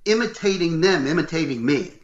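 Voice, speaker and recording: Gruff older man in a roomy room. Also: on the high side, brisk. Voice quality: loud, gruff voice. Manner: animated, acts out what others said. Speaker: voice actor guest. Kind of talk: interview storytelling. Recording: roomy, slightly dull recording.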